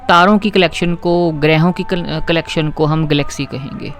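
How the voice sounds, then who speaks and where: Patient grammar teacher, slightly high voice. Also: male voice, a bit bright, soft background music. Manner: patient, asks questions and keeps checking with "ठीक है?"; reads English sentences slowly and deliberately. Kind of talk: explaining grammar exercises.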